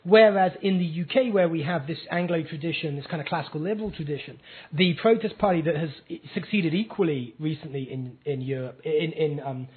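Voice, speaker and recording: A man's voice: fairly high pitch, brisk, husky. A man from the United Kingdom interviewing in an analytical, conversational way, summarizing as he goes. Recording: phone-like, muffled thin line.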